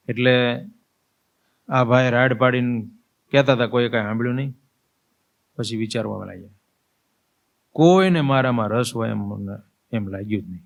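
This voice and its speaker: A man's voice: lowish voice, muffled recording. Swami man telling a vivid sermon. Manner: vivid storytelling, acts out scenes. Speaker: swami giving a discourse. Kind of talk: spiritual sermon.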